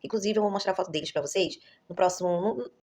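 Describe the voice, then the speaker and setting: Her mid-range voice is a little mellow and moves quickly as she chats to viewers. The woman, a vlogger and mother in her 30s, tells a rambling, casual story and keeps correcting herself.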